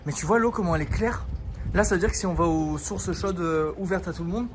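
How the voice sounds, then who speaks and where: Out on a town street, a slightly breathless young streamer talks to his chat in a casual IRL stream, joking and teasing. He speaks fast in a voice that sits high, with a little hiss or hum in the recording.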